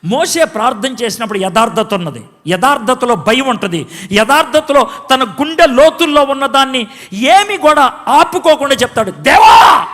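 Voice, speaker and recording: A pastor giving a dramatic sermon, acting out quotes and swinging between shouts and hushed tones. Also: male voice, very high-pitched, lively intonation, normal speed, in a large hall. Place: church hall.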